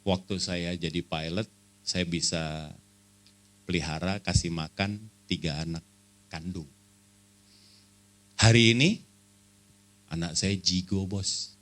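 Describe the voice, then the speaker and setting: A man's voice: sits low, fairly even intonation, a little slow, long pauses, fairly bright tone. A middle-aged man from Java, a pastor giving a church sermon in a joking, conversational way that rises to emphatic preaching. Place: church service.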